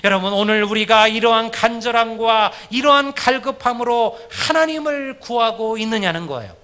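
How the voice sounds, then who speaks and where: A man's voice: very high voice, moderate pace, sharp tone, clean tone. A male pastor preaching a Sunday sermon, earnestly addressing the congregation again and again.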